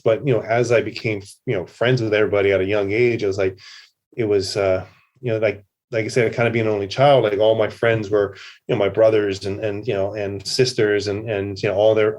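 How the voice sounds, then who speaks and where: A man's voice: on the low side, darkish tone. A middle-aged man from Hawaii, a festival producer, talking casually as a podcast guest with lots of fillers and restarts. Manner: rambling, many fillers and restarts. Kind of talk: casual conversational interview.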